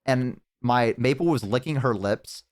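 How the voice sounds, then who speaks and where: A young man chatting casually on a live stream, telling rambling, profane stories to his chat and slipping into animated impressions. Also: medium pitch, unhurried. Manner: talks to chat.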